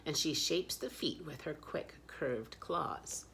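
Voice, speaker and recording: A children's storyteller reads aloud expressively in a low, creaky-edged voice. She goes at a slow pace, taking her time over phrases, with faint noise in the background.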